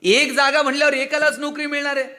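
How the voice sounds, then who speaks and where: A man addressing students in a motivational speech, with a high, bright and forceful voice. He keeps firing rhetorical questions at the audience. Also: little pitch movement, fast. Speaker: motivational speaker.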